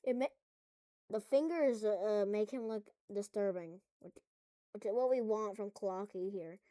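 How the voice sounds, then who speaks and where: A woman's voice: medium pitch, measured pace, dark tone, no echo. A woman at home making a casual coding tutorial, rambling through jokey asides as she works. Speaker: tutorial maker.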